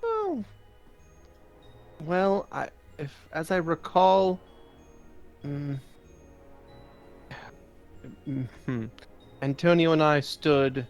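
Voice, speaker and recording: A gracious older noblewoman, a mother of grown children, as a man puts her on. Her voice sits raised well above his own, soft and courtly, with pauses and a faint wistfulness. Soft background music plays underneath. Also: fairly high pitch, big pitch swings, vocal fry, highs cut off, voice pushed up, heavily acted. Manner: genteel, hesitant, wistful.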